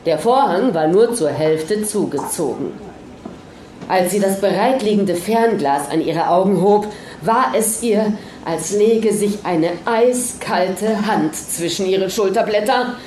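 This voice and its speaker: A woman narrating a story aloud in a lively, dramatic reading manner. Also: mid-range voice, echoey room, slight background noise.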